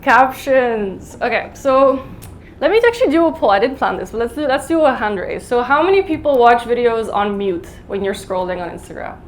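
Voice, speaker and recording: A woman giving a live conference talk, speaking fast and chatty with lots of "like" and "um" fillers. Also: a little high, lively intonation, a little hiss or hum. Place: conference hall in Mumbai.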